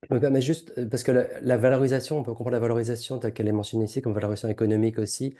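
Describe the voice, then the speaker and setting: A man asking a question on a video call, halting, with many restarts and self-corrections. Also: medium pitch, steady tone, warm tone. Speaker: webinar participant asking a question. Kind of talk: casual spoken question.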